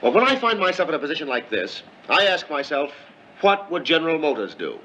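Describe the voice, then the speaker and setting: An actor playing an easygoing, good-humored young suitor of modest means in a 1930s film comedy, boyish and breezy. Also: male voice, on the high side, very animated, brisk, bright, forceful tone, a little hiss or hum. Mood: affable, amused. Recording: dull 1930s film soundtrack.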